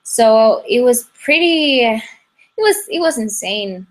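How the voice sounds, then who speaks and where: Guest: young woman, English, halting and restarting, over a video call. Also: fairly high pitch, lively intonation. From Ecuador. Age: young adult. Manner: halting, many restarts and fillers. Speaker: guest singer.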